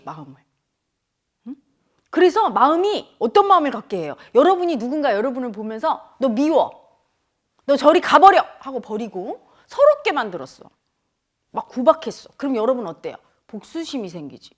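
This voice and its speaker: In a spiritual talk on the mind, a middle-aged meditation teacher speaks at a moderate pace in a high-pitched voice. Her manner is animated; she addresses listeners directly and voices the mind's inner chatter.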